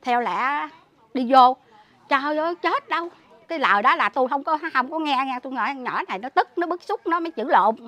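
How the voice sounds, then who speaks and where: A woman's voice: high voice, animated, a little fast, sharp tone, no room sound. A woman with a Southern Vietnamese accent tells her account in a rush, indignant and full of restarts. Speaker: interviewee, relative caring for a sick man. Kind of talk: emotional spoken account.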